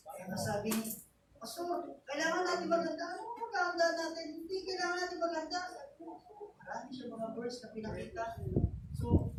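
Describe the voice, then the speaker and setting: A man preaching a sermon as pastor, telling a story in a mix of Tagalog and English and often asking "diba?". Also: very high-pitched. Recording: echoey, distant church recording with noise.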